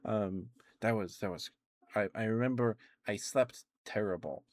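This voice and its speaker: A young man doing soft-spoken, casual ASMR rambles in a giggly, halting way, close to the microphone. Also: on the low side, no room sound. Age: young adult. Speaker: ASMR streamer.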